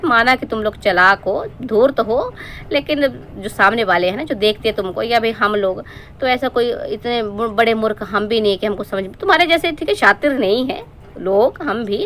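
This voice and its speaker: A woman's voice: on the high side, a bit bright, a little hiss or hum. A woman from Himachal Pradesh giving a scolding, sarcastic roast monologue as a reaction-channel commentator, lecturing her target at length.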